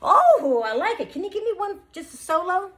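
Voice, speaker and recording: A woman teaching children beatboxing in an animated, encouraging way, full of praise. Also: extremely high pitch, measured pace. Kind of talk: children's tutorial.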